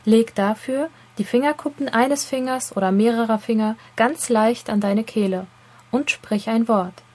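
Clear, deliberate woman explaining a lesson. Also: fairly high pitch, darkish tone. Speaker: teacher. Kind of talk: scripted educational narration.

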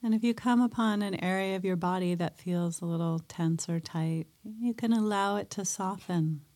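A woman guiding a mindfulness meditation in a soft, gentle way, pausing often between phrases. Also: lowish voice. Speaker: meditation teacher.

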